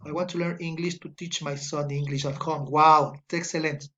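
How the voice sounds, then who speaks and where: In his online English class, a native Spanish speaker from Ecuador patiently works through student answers, reading each aloud and slowly correcting the grammar and spelling. His voice is a little high, with a flat delivery and a sharp tone, plus his Ecuadorian Spanish accent; there's a little hiss or hum.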